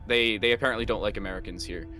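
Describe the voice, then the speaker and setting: A man's voice: fairly low pitch, fairly even intonation, rapid-fire, music in the background. A man casting a live esports match with dry sarcastic humor, often stammering as he restarts. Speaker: esports caster.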